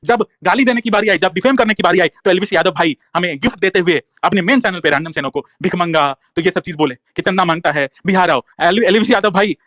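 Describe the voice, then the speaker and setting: High-voiced man in a rapid-fire heated rant. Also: a bit bright, no room sound. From Bihar, India. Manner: heated, profane, repetitive, defiant. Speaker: online activist speaking in a live audio room. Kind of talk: angry ranting monologue.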